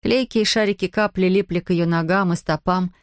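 A woman narrating an audiobook in an even, measured storytelling manner. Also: fairly low pitch, smooth, dry recording, clean studio sound.

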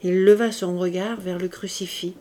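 Woman calmly reading a classic novel. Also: on the low side, moderate pace. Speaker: audiobook reader. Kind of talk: literary audiobook narration.

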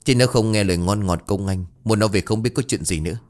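A man's voice: fairly low pitch, fast, darkish tone, natural voice. A man voicing a stern, blunt middle-aged businesswoman who speaks curtly. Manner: curt, accusing.

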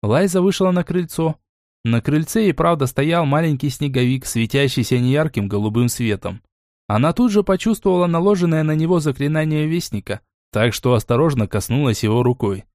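A man narrating a fantasy audiobook in a measured, even reading. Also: fairly high pitch, dry recording, clean studio sound. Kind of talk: scripted narration.

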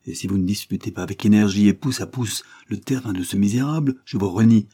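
A man's voice: on the low side, fast, mellow, husky. A man reading the lines of a domineering elder sister, insistent and scolding.

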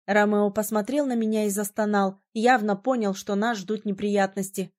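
A woman narrating a first-person fantasy audiobook in a lively, wry manner. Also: medium pitch, moderate pace.

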